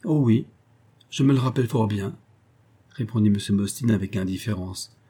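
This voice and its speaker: A man voicing a disdainful, jaded young gentleman who speaks with mocking indifference. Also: on the low side, normal speed, breathy edge. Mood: sneering. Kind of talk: audiobook character voice.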